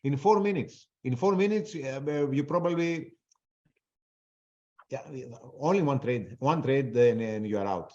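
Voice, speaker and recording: In dull lo-fi webinar audio, a trader with a non-native accent in English delivers live market commentary and takes audience questions. He is animated yet measured in pace, with a mid-range, darkish voice, and his manner is blunt, casual, and freely profane.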